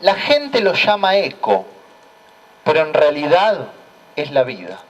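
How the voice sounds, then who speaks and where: Gentle loving father in a sermon story, a man voicing him, high lively voice, soft, far from the mic. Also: slow, in a large hall, exaggerated voice. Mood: tender. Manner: soft, tender delivery. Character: gentle loving father teaching his young son. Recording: voice heard from a distance.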